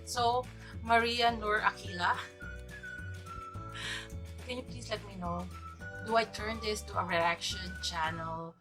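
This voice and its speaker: A woman's voice: mid-range voice, slow, long pauses. A woman, talking to camera in a chatty, rambling, upbeat vlog, and she is also a teacher. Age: 40s. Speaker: vlogger and teacher. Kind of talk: casual vlog chat to camera. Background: background music.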